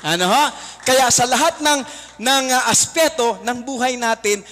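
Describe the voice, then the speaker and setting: A man with a Filipino accent giving a motivational seminar talk, often quizzing the audience with rhetorical questions and telling lively stories. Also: very high-pitched, normal speed, slight background noise. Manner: lively storyteller. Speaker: seminar speaker. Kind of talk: motivational seminar talk mixing Tagalog and English. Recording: reverberant hall sound.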